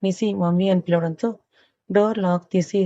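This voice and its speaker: A woman reads a romance novel aloud in a low, dark, mellow voice that stays even and level. The sound is dry and a little muffled, close to the microphone. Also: normal speed, no echo. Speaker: audiobook narrator.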